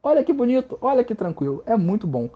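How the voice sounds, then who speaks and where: A man with a Brazilian Portuguese accent hosting a casual podcast lesson on literature, relaxed and slangy, joking at his own expense as he explains. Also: very high voice, fast talker, narrow, tinny audio. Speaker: literature teacher and podcast host.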